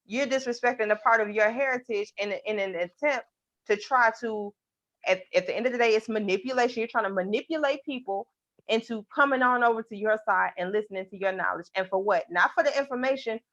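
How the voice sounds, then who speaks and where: Woman panelist, slightly high voice, pushy debating manner, dull lo-fi audio. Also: a little fast, fairly bright tone, dry recording. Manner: insistent, repeats "but" to break in. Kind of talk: heated debate.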